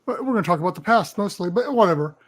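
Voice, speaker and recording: A man's voice: high-pitched, expressive, very fast. A man co-hosting a podcast in casual chat, rambling with many fillers and restarts. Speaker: podcast co-host leading the show.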